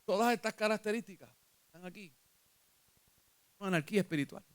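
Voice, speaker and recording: Here a man preaches as pastor in a Puerto Rican accent, quizzing his congregation and lifting his voice whenever he recounts scripture. He sits high in pitch and moves at a fairly quick pace.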